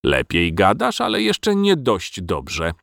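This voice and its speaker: A man's voice: lowish voice, huge pitch swings, takes it slowly, dry recording, clean studio sound, exaggerated voice. A man voicing a stern, unimpressed farmer in a storybook reading. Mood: curt. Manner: gruff, curt.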